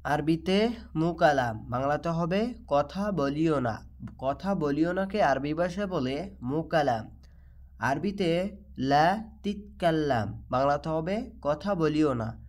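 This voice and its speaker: Man, Bangladeshi accent, language lesson, slow and repetitive, slightly high voice. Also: lively intonation, a little mellow. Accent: Bangladeshi Bengali. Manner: slow, repetitive drilling of phrases. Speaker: language teacher.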